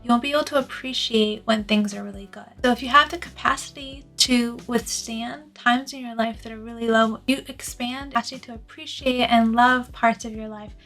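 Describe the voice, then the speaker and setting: High-voiced woman, self-improvement YouTuber. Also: fairly even intonation, normal speed, few pauses, a bit bright, soft background music. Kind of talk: scripted personal development advice to viewers, productivity YouTuber delivery.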